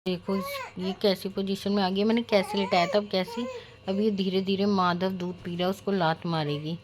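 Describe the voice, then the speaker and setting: A young woman, a mother of twins, chatting casually at home in a vlog and speaking softly at times. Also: medium pitch, steady tone, normal speed. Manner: chatty and affectionate, soft-spoken while babies sleep.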